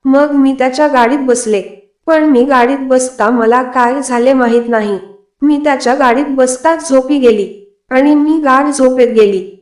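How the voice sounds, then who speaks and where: A woman narrating a first-person story in a steady, confiding way. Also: sits high. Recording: echoey room.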